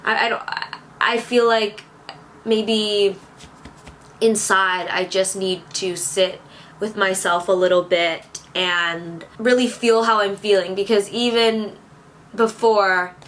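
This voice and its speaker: A woman's voice: medium pitch, fairly even intonation, slow pace, a bit bright, slight background noise. A woman of twenty-one, holding back tears as she rambles to her camera in a casual vlog. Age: 20s. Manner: tearful, rambling and self-reassuring. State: teary, on the verge of crying. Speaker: vlogger.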